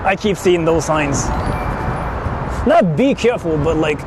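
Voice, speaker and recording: This Japanese livestream host drives through a city while casually chatting with viewers, explaining things in colloquial slang. He sounds a little high-pitched and animated, keeping a measured pace, with clear car and urban traffic noise around him.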